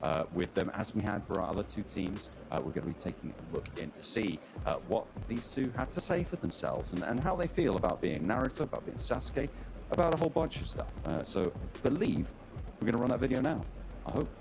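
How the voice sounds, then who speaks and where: Gravelly, animated esports caster man. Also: medium pitch, brisk, noisy background. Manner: rambling, self-correcting, thinks aloud. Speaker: esports commentator. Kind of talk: live esports commentary. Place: streaming setup with remote co-caster on voice chat.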